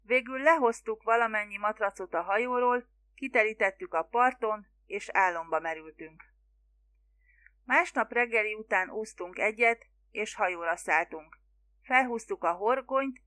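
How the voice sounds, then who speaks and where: Brief: woman audiobook narrator, bright tone, steady measured reading. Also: mid-range voice, no room sound. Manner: even, measured storytelling. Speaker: audiobook reader. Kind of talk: scripted narration.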